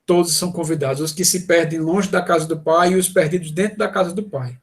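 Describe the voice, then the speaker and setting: A man's voice: on the high side, fast. A man preaching a sermon, earnest and asking the congregation direct questions.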